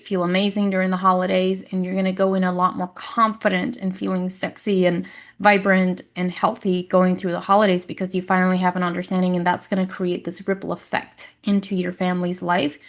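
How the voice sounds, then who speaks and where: A woman health coach hosting her own podcast, talking casually and with energy, often acting out what her clients say. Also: mid-range voice. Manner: energetic, conversational, acts out quoted clients.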